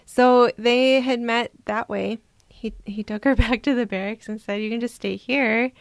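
A woman from Minnesota, a guest on an interview podcast, telling her personal story in a reflective, soft-spoken way. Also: fairly high pitch, steady tone, moderate pace, no room sound. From Minnesota, USA. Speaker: guest adoptee.

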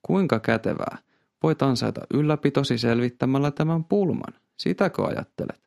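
A man voicing a gruff older village chief who talks in an accusing, doubtful way, in a read-aloud story. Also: mid-range voice, animated, darkish tone, pitched above the performer's own voice. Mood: suspicious.

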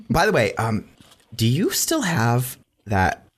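A man's voice: mid-range voice, huge pitch swings, takes it slowly, husky. A man co-hosting a comedy podcast, dryly needling his friends with mock disgust. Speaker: podcast co-host. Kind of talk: casual comedy chat.

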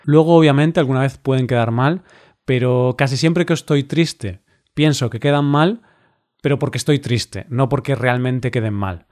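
Slow-spoken man co-hosting. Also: mid-range voice, a little mellow. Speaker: podcast co-host. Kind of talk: casual podcast chat.

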